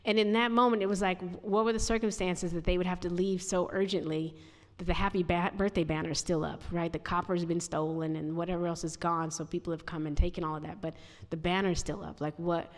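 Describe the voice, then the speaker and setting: A woman's voice: on the low side, little pitch movement, a little fast. A woman with a Chicago accent, an artist and architect, answering questions at a lecture podium in a thoughtful, self-correcting way. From United States. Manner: reflective, frequent restarts and "like". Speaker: visiting artist and architect giving a talk. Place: large auditorium, speaking at a podium. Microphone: podium microphone. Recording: hall reverb in a large auditorium.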